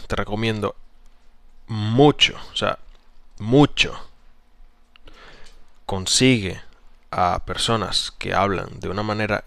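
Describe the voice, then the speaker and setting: Low-voiced man coaching on intonation. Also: fairly bright tone, dry recording. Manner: demonstrates intonation with rising and falling examples. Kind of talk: casual spoken tutorial.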